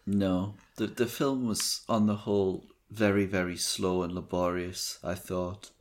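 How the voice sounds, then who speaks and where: A man co-hosting a podcast, giving measured, critical film opinions with frequent hesitations. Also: low-pitched, steady tone. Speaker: podcast co-host. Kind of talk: casual film discussion.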